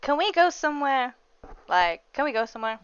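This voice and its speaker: A woman chatting casually as a player in a tabletop game, quick with asides. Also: high voice, big pitch swings, fairly bright tone, dry recording, dull audio.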